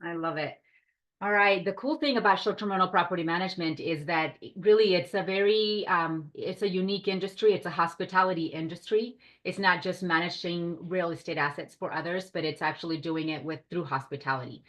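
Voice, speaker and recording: A woman's voice: on the low side, a little fast. A woman from Puerto Rico, a company director, giving an enthusiastic, chatty business presentation on a video call. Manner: enthusiastic, chatty, warm hospitality tone. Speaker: director of short-term rentals, presenter.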